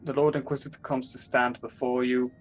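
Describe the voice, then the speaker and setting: A man narrating a tabletop role-playing game as game master, in a measured, dramatic storytelling way. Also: mid-range voice, level tone, dull audio, slight background noise.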